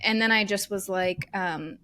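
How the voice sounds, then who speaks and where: A woman co-hosting a podcast, chatting casually and candidly with plenty of "like" and "um" fillers. Her voice sits at an average pitch for a woman. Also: normal speed, sharp tone, clear, resonant tone. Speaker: podcast co-host. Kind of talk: casual chat.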